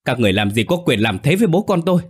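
A man's voice: on the low side, lively intonation, a little fast, a little mellow, slightly rough. A man voicing a hot-headed, anxious young son in an audio story, speaking in a heated, pleading way. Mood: furious.

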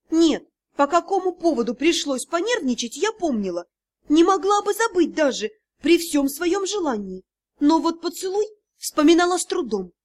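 A woman narrating a first-person fantasy audiobook with expressive, lively storytelling. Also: sits high.

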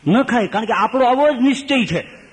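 A man with a Gujarati accent, a swami giving a storytelling scripture discourse, acting out the characters with big pitch jumps. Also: expressive, normal speed, slightly rough, in a large hall, poor audio. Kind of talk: storytelling sermon.

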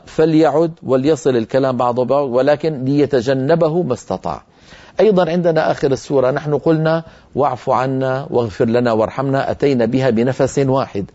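A middle-aged Syrian man teaches Quran recitation on a broadcast lesson, drawing out letter sounds syllable by syllable. His voice is mellow and unhurried. The audio is a little muffled, like an old TV recording. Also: mid-range voice, lively intonation.

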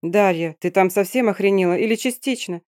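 A woman voicing a sharp, sarcastic female lawyer who speaks briskly and in a businesslike way. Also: medium pitch, dry recording, studio quality, natural voice. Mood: exasperated.

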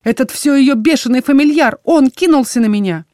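A wounded young woman shrieks and accuses, high and strained, as a woman reader puts her on. She sounds hysterical and furious. The reading is audiobook style, in a dry, close recording. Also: fairly quick, darkish tone, no echo, lightly acted.

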